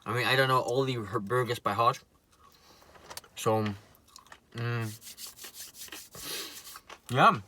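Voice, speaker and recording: A man chatting casually to viewers while he eats, pausing and murmuring between remarks. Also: mid-range voice, fairly even intonation, sharp tone, a little hiss or hum. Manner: talks while eating, with murmured mms and pauses. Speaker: mukbang vlogger. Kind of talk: casual eating chat to viewers.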